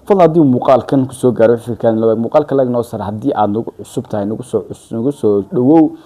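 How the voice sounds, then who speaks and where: A man's voice: mid-range voice, fast talker, mellow. A Somali-accented man giving explanatory news commentary in a wordy way, often repeating and rephrasing his points.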